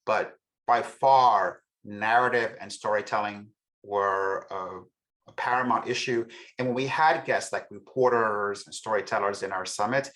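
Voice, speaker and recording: Middle-aged guy from el salvador, lowish voice, thinks out loud on a podcast. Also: unhurried. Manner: reflective, many restarts. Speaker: guest, researcher and author. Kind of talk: podcast interview.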